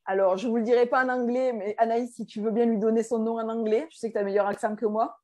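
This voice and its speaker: A woman's voice: on the high side, steady tone, quick pace, a little mellow. A woman hosting a casual live demo of a children's diffuser kit, chatty and loose, with fillers. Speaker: host presenting a kids' oil kit.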